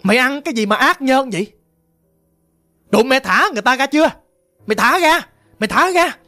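A woman with a Southern Vietnamese accent voicing an angry man who scolds fiercely, raising his voice in loud, quick demands. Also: high-pitched, expressive, no room sound, faint music behind. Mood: angry scolding.

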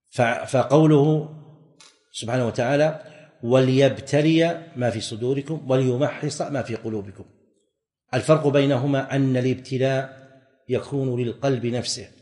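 A man teaching a religious lesson, explaining verses in a measured way and repeating his points. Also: mid-range voice, mellow. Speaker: Islamic scholar teaching. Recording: recorded lecture with long hall reverb.

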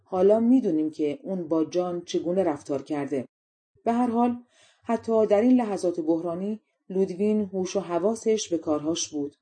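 A woman narrating a fairy tale audiobook in a calm, even storytelling manner. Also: on the low side, slightly rough.

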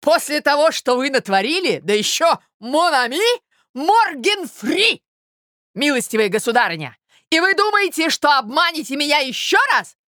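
A woman reading aloud and voicing an outraged young man who shouts in fury. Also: medium pitch, sing-song, slow, no room sound, studio quality, pitched above the performer's own voice. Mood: furious. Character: furious young man, blustering and indignant.

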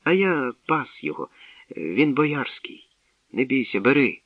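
A man voicing a lively young girl who poses as a boy guide, speaking briskly and cheerfully, in a tinny, distant radio recording. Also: mid-range voice, dry recording, voice pushed up.

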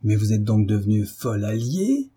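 A man's voice: on the low side, very animated, normal speed, husky, exaggerated voice. Man voicing a blustering brute of a landowner. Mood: furious. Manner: blustering, cursing, shouting. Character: brutish loud-tempered middle-aged male landowner. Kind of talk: audiobook character reading.

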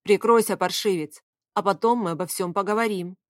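A woman reading the part of a stern, commanding father in an audiobook, giving his lines a loud, insistent push in a dry, close sound. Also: sits high, brisk, no room sound.

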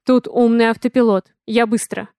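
A calm, protective alien man at the helm of his ship, as a woman reads him out in an audiobook. His voice is smooth and clear, and he holds it level, with barely any rise or fall. He sounds dry and close, steady and reassuring. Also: a little high, moderate pace, no echo, natural voice. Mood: matter-of-fact. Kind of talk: audiobook character voice.

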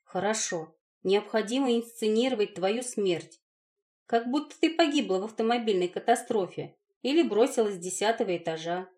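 A woman reading an audiobook, voicing a calm, calculating adult male lover in a level, matter-of-fact way. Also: mid-range voice, moderate pace, natural voice.

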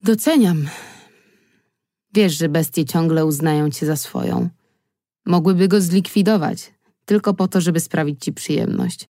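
A wry man with a dry, teasing humor, read by a woman narrator. The reading sits low and dark in tone, and the voice is close and dry with no room around it. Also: big pitch swings, a little slow, pauses often, no echo, heavily acted. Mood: amused. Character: man, wry and amused boss figure.

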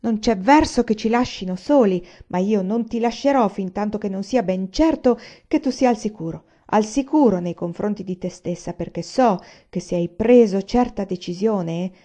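A man's voice: high voice, moderate pace, hardly any pauses, dark tone, natural voice. A woman reading the lines of an impulsive young man in a storybook, speaking urgently and emphatically. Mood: earnest.

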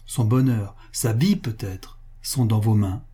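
An older coal merchant in his sixties pleads for his daughter's sake, voiced by a man reading a storybook. He talks earnestly and presses hard, his tone mellow and slightly husky. The pitch climbs above the plain narration. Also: unhurried. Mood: pleading. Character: worried sixty-year-old coal merchant, pleading father.

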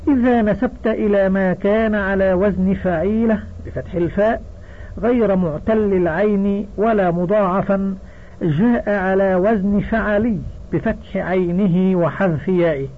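A man reading a grammar textbook aloud as an audiobook, in a steady, formal recitation that announces headings and page numbers. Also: high-pitched, normal speed, a little hiss or hum. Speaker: audiobook reader. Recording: tinny phone-like narrow sound.

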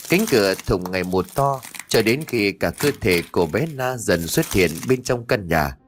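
A man narrating a horror story as a storyteller, reading in a steady, measured way. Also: on the low side, a little hiss or hum. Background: faint music.

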